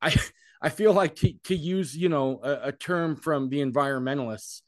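A podcast host with a slightly high voice chats casually in an interview at a normal speed. He rambles and pokes fun at himself, repeating words while he thinks, and the recording is dry.

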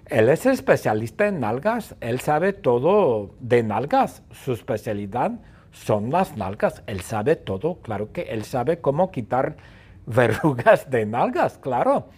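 Un hombre que narra un cuento absurdo de forma juguetona y repetitiva. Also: male voice, medium pitch, slightly rough. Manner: playful, repetitive, animated. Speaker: storyteller. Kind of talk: playful story narration.

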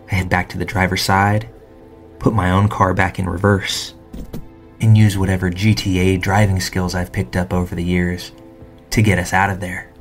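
A man reading first-person true stories aloud in calm, measured scripted narration. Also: low-pitched.

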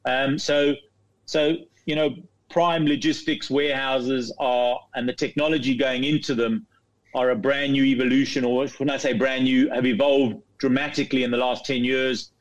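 Halting middle-aged man on a dull line. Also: medium pitch, steady tone. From Zambia. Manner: halting, many restarts and repeated words. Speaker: property fund CEO, guest. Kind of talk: business interview.

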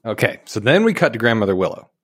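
A man's voice: on the low side, very animated, quick pace, a bit bright, dry recording, studio quality. A man co-hosting a podcast, casually retelling a movie plot with jokey asides. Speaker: podcast co-host. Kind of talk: casual movie recap chat.

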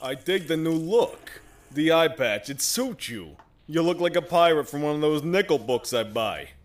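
An actor playing a crude, menacing mobster who mocks and threatens, in an audio drama. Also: male voice, on the high side, lively intonation, moderate pace, natural voice. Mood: mocking. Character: crude, menacing male mobster, a made man. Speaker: gangster.

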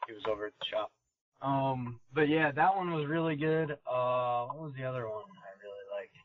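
A man's voice: medium pitch, expressive, moderate pace, a little hiss or hum. A man, a race car driver guest, chatting casually on a podcast, rambling with lots of fillers and laughs. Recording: muffled lo-fi podcast audio.

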